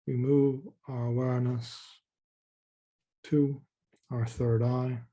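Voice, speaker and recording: A man guides a meditation in a soft, slow, soothing manner, leaving long pauses and repeating words. His voice is mid-range, and the high frequencies are cut off.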